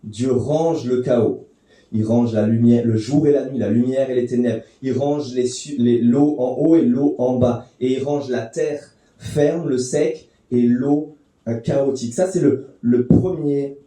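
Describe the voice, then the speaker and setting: In a very echoey church hall, a man preaches a sermon in a dark, mellow, mid-range voice, standing some distance from the mic. He teaches through the text conversationally, addressing the congregation with the odd filler and restart.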